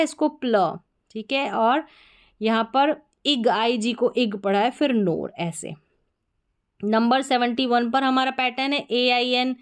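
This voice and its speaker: A woman from India teaching an English spelling lesson, slowly sounding out words syllable by syllable. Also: high-pitched, smooth.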